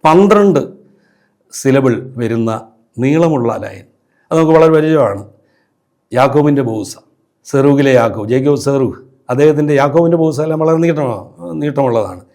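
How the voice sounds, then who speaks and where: A priest with a Kerala Malayalam accent giving a liturgy lesson, measured and explanatory, with frequent hesitation fillers. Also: male voice, medium pitch, warm tone. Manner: measured teaching with frequent fillers, briefly chants Syriac hymn lines. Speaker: priest lecturer. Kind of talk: liturgy lecture.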